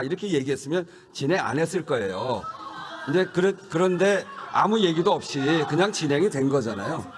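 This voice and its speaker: A man presiding over a heated parliamentary session. He stammers and restarts often, explains himself defensively and scolds hecklers to be quiet. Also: on the high side, in a large hall.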